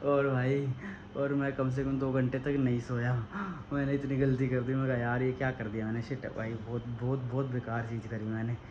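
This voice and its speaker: A man's voice: mid-range voice, level tone, normal speed, dull audio. A young man chatting casually to the camera for his family vlog, talking straight to viewers and teasing his dog. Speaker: vlogger. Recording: noisy handheld phone recording.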